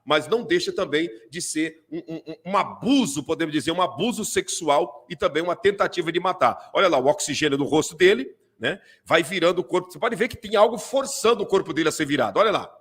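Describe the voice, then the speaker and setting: A man with a Brazilian Portuguese accent, a pastor commenting on video clips during a live stream, animated and full of repeated fillers. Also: on the high side, fast, hardly any pauses, husky.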